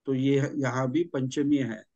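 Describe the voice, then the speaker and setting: Male teacher explaining grammar, slow and repetitive, dull lo-fi sound. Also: medium pitch, fairly even intonation, dark tone, no echo. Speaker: language teacher.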